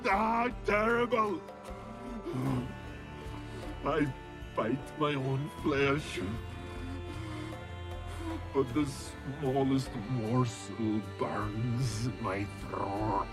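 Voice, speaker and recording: A male actor with a medium-pitched, gravelly, growling voice plays a cursed werewolf in a video game, savage, boastful, and tormented by endless hunger. In dramatic, anguished acting, he growls halting, broken phrases mixed with groans, with music in the background.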